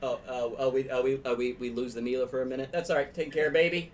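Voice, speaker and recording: A man working as game master, improvising narration for a tabletop fantasy game in a halting way. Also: medium pitch, flat delivery, a little mellow, slight background noise. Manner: halting, repeats words as he improvises.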